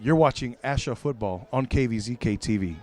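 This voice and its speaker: A man doing live play-by-play for a high school football broadcast, excitable and quick to correct himself mid-call. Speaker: play-by-play commentator.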